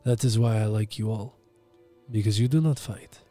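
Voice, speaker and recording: Ancient benevolent male dragon, as a game master puts him on: deepened, slow, measured, hushed, mock-Russian accent. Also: soft background music, close to an everyday voice. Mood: calm, peaceful. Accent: put-on Russian-like accent. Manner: slow, calm, measured pronouncements.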